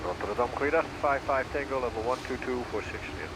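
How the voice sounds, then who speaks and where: A man with a Dutch accent, an airline pilot reading back clearances through a cockpit headset mic. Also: medium pitch. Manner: clipped, rapid, routine readbacks. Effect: pilot speaking through a cockpit headset mic. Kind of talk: terse radio readbacks to air traffic control. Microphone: headset boom mic. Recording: cockpit engine and air noise.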